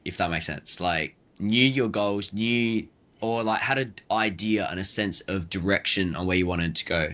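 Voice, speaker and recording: A man hosts a podcast and asks his guest questions in a low, easygoing voice. His phrasing is loose and casual, full of fillers. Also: moderate pace, fairly bright tone. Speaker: podcast host. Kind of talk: casual interview chat.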